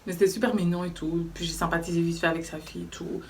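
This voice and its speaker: A young woman tells a storytime in a relaxed, chatty way, acting out the other people in the story as she goes. Her voice sits fairly low. The mic is a little distant, with a faint hiss of background noise. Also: fast talker. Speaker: YouTuber telling a story. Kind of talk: casual storytime vlog.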